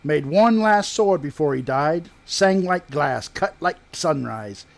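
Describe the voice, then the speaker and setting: A man's voice: fairly high pitch, expressive, takes it slowly, creaky, full character voice. A man voicing a proud rustic blacksmith who tells family lore in country dialect, as if sharing gossip, in a tabletop game. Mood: reverent, proud. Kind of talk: in-character tabletop role-play storytelling.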